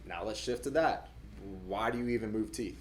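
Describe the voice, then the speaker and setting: A young adult man speaks in a lowish voice, talking through dental questions as a dentist would. His delivery is casual and chatty, with restarts and repeated words. It sounds like an informal explainer straight to camera. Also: normal speed, slight background noise. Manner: conversational, repeats words, fillers.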